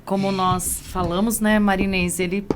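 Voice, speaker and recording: Brazilian woman co-host, polite and welcoming, mid pitch, faint background noise. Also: little pitch movement, normal speed. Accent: Brazilian Portuguese. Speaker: podcast co-host. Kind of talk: casual podcast hosting.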